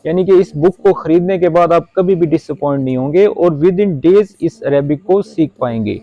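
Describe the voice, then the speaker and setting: A man with a Pakistani accent teaching spoken Arabic in a casual Urdu lesson, explaining slowly and repeating words with chatty asides. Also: on the high side, dull audio. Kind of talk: informal language lesson.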